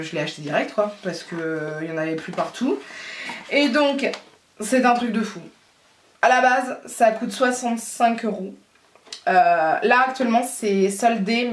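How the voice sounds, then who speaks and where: A chatty young woman talks through her beauty haul in a relaxed, rambling way, laughing and filling her pauses. Her voice sits at a middle pitch and comes from some way off the mic. The room around her adds a noticeable echo. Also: slight background noise. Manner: chatty, laughing, many fillers. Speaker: beauty vlogger. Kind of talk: casual haul chat. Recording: roomy sound from a distance.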